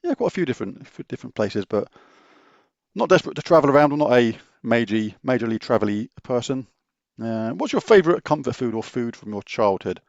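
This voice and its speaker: A middle-aged British man hosting a gaming channel casually answers viewer questions in an open, matter-of-fact Q&A that rambles and restarts. He speaks briskly in British English, with a mid-range voice, lively intonation, vocal fry and a slightly mellow tone. The recording has no echo and the highs are cut off.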